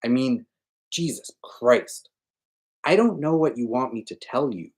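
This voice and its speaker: Man reading as an explosive, swearing young guy, husky, voice pushed up high and loud. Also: animated, unhurried. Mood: ranting. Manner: shouting, raised and strained. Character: angry, foul-mouthed young man, volatile.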